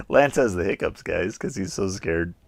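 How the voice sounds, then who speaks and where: A man chatting and joking as co-host while playing a horror game, quick to nervous laughter. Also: low voice, vocal fry, no echo, studio quality. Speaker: co-host of a horror gaming show.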